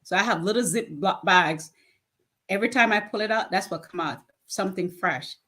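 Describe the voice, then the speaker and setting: Appearing as a guest, this children's charity founder in her fifties has a mid-range voice with a sharp tone and a breathy edge, speaking at a moderate pace. Her conversational answers are plain-spoken and punctuated by brief, emphatic points.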